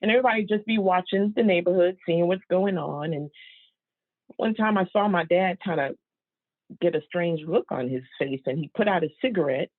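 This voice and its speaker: A woman voicing a signed comedy act, telling funny family stories in a lively way with fillers and restarts. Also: fairly low pitch, a little fast, no echo. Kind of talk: interpreted comic storytelling. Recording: tinny, phone-like, dry.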